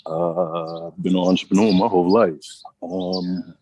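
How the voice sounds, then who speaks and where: A man from New York introducing himself to a meeting in a friendly, relaxed way with many pauses. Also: sits low, muffled recording, a little hiss or hum. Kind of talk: casual self-introduction.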